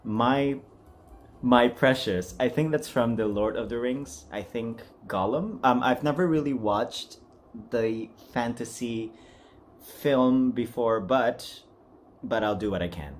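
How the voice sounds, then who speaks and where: Hosting a casual amateur voice acting challenge, this man is chatty, giggly, and self-deprecating. He speaks slowly in a mid-range voice, and a little hiss or hum sits under the recording.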